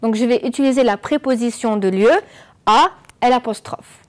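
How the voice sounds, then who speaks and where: A woman teaching French on an educational channel, explaining slowly and clearly and asking the viewers questions. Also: fairly high pitch. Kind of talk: televised classroom lesson.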